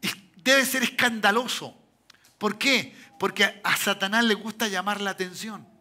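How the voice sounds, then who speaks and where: A man with a Chilean accent, a pastor preaching a sermon full of rhetorical questions to the congregation, with sudden shouted bursts. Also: high-pitched, normal speed. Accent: Chilean Spanish.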